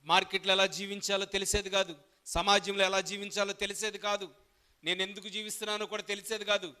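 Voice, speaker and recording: A man preaching a sermon, asking the congregation questions and answering them himself, calling on them to shout along, and moving between soft asides and loud, drawn-out calls. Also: high voice, clean tone. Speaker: pastor.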